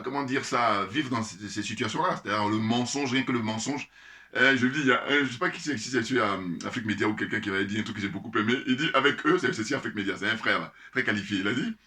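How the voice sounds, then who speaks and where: A man giving casual spoken political commentary, animated and indignant, with frequent laughs, fillers and restarts. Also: mid-range voice.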